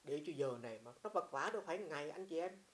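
A man's voice: on the high side, fast, a little hiss or hum. A monk with a Huế accent giving an informal meditation talk, telling stories and asking his listeners rhetorical questions. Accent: Huế Vietnamese. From Huế, central Vietnam. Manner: animated storytelling, frequent rhetorical questions. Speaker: Buddhist monk teaching meditation. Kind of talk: informal dharma talk answering a student.

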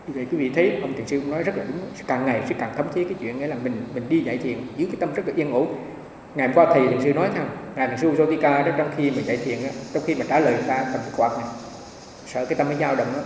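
A man, a Buddhist monk, giving a rambling dharma talk full of anecdotes and repeated small words. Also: mid-range voice. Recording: echoey hall, mic far off, faint hiss.

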